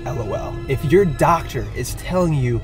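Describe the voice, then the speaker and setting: A man's voice: a little high, lively intonation, normal speed, music in the background. A man in his twenties with an American accent, chatting casually and reading comments aloud as a vlogger in a car. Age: 20s. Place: inside a car.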